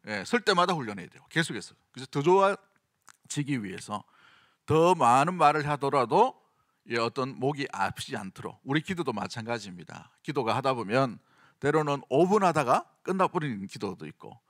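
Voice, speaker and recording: A man's voice: fairly high pitch, fairly bright tone, no room sound, studio quality. A middle-aged man with a Gyeongsang accent preaching a sermon in a conversational way, often asking the congregation questions. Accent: Gyeongsang Korean. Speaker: senior pastor.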